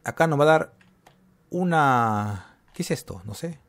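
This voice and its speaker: A man's voice: fairly high pitch, lively intonation, unhurried, a little hiss or hum. A man giving casual gameplay commentary, talking to himself and getting jumpy and scared as he plays. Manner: jumpy, talks to himself while playing.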